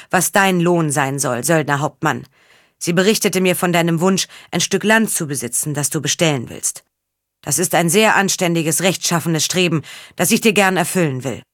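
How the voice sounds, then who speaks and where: A woman voicing a stately male emperor in an audiobook, speaking in a measured, formal way. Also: on the low side, no echo, clean studio sound, natural voice.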